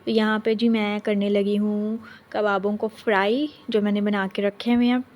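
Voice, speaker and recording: Chatty young mom vlogging. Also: female voice, medium pitch, little pitch movement, normal speed, a little mellow. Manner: chatty, talks straight to viewers. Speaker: vlogger mother. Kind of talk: casual vlog narration.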